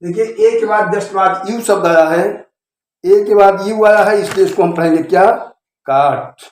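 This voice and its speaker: Man, teacher, video lecture, repetitive explanations, high pitch, strong room echo. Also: steady tone, moderate pace, darkish tone. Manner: repetitive, checks understanding often. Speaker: English grammar teacher. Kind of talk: classroom-style video lecture. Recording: very echoey room.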